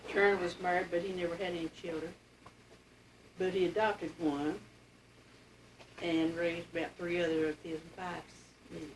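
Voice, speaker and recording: An elderly woman with an Appalachian accent and a fairly low voice. She talks in a plain, folksy, reminiscing way. The recording is faintly noisy, with the mic some distance off. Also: little pitch movement, normal speed, pauses often. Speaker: interviewee telling family history. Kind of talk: casual oral-history reminiscence.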